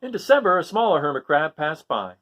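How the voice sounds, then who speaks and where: A man's voice: on the high side, sing-song, brisk, a bit bright. A man reading a children's book aloud expressively, with informal asides spoken directly to young listeners. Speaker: storybook reader.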